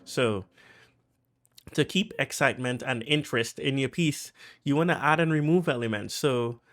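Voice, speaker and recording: A music producer with a Trinidadian accent casually walks through how he produced a track, chatting with plenty of fillers and getting more excited as he goes. His voice is medium-pitched at a normal speed.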